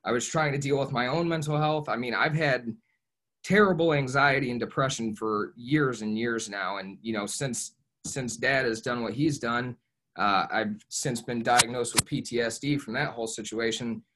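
Young male podcast guest from Ohio, mid-pitched, earnest and reflective, lots of restarts. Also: moderate pace, fairly bright tone. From Ohio, USA. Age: young adult. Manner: earnest, reflective storytelling with frequent restarts and "you know". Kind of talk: casual podcast interview.

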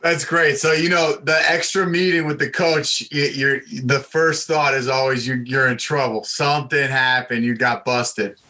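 A man's voice: mid-range voice, fairly even intonation, bright, forceful tone. A man hosting a casual podcast interview as a college basketball coach, upbeat and encouraging with a guest. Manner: upbeat, encouraging, quick to laugh. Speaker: host, head basketball coach.

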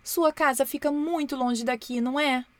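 A woman voicing an excitable little girl who calls out urgently and insists on being heard, read as a storybook. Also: moderate pace, no echo, close to an everyday voice. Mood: glum, gentle. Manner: high, urgent calling out.

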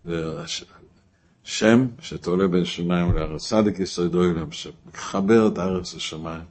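A man giving a Torah lesson, telling stories and asking rhetorical questions, swinging from a low murmur to loud cries. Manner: storytelling, rises to shouting at emotional peaks. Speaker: rabbi teaching Torah.

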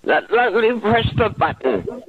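A man playing a confused, hard-of-hearing old lady in a prank phone call, asking things in a halting, repetitive way. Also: sits high, lively intonation, breathy edge, no room sound, exaggerated voice. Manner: repetitive, halting, muddled questioning. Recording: tinny, narrow phone line.

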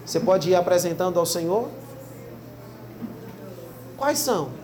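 A man's voice: high-pitched, animated, unhurried, darkish tone. A man preaching as a pastor in a church hall, with an impassioned, repetitive cadence. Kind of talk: sermon. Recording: roomy hall with faint noise.

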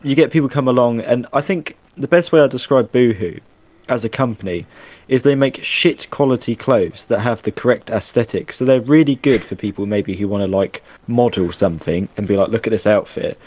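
A man in casual chat, talking in an animated, exasperated rant with plenty of asides. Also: mid-range voice, brisk, few pauses.

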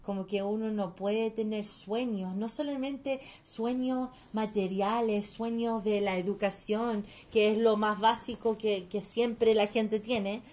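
A woman's voice: mid-range voice, fairly even intonation, slow pace, hardly any pauses, a little mellow. A mother chatting casually and bluntly, swearing freely and switching between languages mid-sentence. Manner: blunt and profane. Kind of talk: casual chat.

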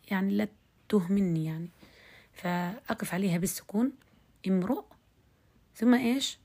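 Husky-voiced woman teaching recitation rules. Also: lowish voice, a little mellow. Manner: explains step by step, checks understanding with quick questions; recites example words drawn out for demonstration. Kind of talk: recorded online lesson.

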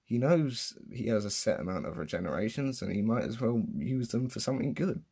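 A man's voice: mid-range voice, expressive, a little fast, gravelly, warm tone, husky. A young man giving casual, unscripted commentary in a sarcastic, self-mocking and profane way. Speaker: vlogger.

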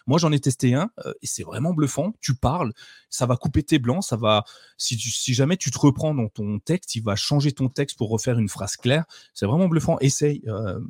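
A man running a live tech podcast, chatting easily, picking up viewer questions and handing the floor to his guest. His fillers come often. His voice is mid-pitched. The sound is dry and close, with no room echo. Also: darkish tone. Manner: chatty, reads chat questions, frequent fillers. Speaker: podcast host. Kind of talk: casual live podcast hosting.

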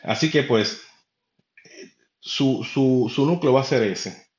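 A man's voice: mid-range voice, slow, darkish tone. A man from Puerto Rico with a Puerto Rican Spanish accent, hosting a podcast and giving his opinions in a rambling, conversational way that speaks straight to the listener. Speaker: podcast host. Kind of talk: casual opinion monologue. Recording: roomy, dull lo-fi recording.

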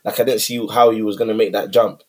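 A man's voice: on the low side, flat delivery, fast talker, a little mellow, husky. A young man with a London urban accent in casual sports discussion, slangy and making his case point by point. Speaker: football podcast co-host.

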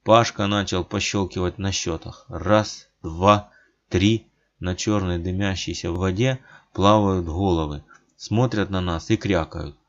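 A man narrating a literary audiobook in a measured, plain manner, in a dull lo-fi recording. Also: sits low, steady tone.

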